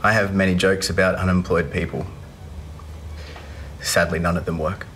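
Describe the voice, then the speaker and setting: A man in his thirties with a lowish voice delivers dad jokes as set-up and punchline. There is clear background noise with small clicks. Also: flat delivery, moderate pace. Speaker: joke teller in a dad-joke challenge.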